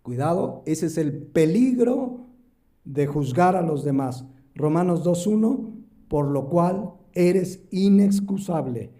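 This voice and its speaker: Male pastor, high warm voice, emphatic sermon delivery acting out quotes. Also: lively intonation, slow pace. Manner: emphatic, rising and falling for stress; acts out quoted voices in the parable.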